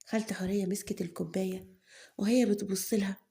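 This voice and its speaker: A woman's voice: medium pitch, fairly even intonation, quick pace, warm tone. A woman with an Egyptian accent narrating a first-person story, chatty and joking with her listeners. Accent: Egyptian Arabic.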